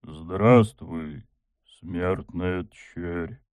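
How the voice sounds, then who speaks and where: A sealed ancient dark god, put on by a man reading a storybook, speaks as a disembodied voice out of the blackness. The voice is very deep and rumbling, unhurried and drawn out, soft yet sinister. It comes through thin and tinny, like a narrow phone-line filter. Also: no room sound. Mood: menacing calm. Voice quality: low, rolling, rumbling. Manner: slow, soft, coaxing. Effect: disembodied voice from the darkness, filtered and distant. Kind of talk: audiobook fantasy narration.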